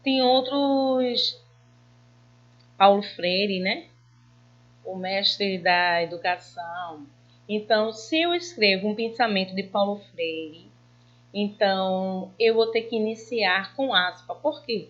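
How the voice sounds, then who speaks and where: Woman, primary school teacher; unhurried, patient, stretches out her examples; slightly muffled recording. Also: mid-range voice, lively intonation, a bit bright. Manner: slow, patient, reads examples with drawn-out emphasis. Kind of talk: online lesson for children.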